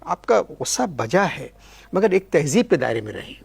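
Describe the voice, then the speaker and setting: A man playing a polite, formal TV host who tries to calm an angry guest in a satirical sketch. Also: on the high side, moderate pace, gravelly, breathy edge, full character voice.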